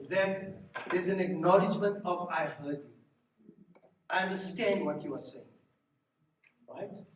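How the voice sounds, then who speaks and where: High-voiced preacher in an echoey hall. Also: male voice, a little hiss or hum. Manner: emphatic preaching, acts out spouses' lines. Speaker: pastor. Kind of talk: sermon on marriage. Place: church hall. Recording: echoey hall, mic from a distance.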